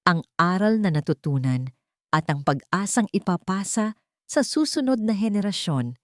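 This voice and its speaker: A woman tells a scripted audio drama story with sentimental earnestness, measuring her phrases and pausing for dramatic effect. Her mid-range voice is very animated, and the studio-quality recording is dry.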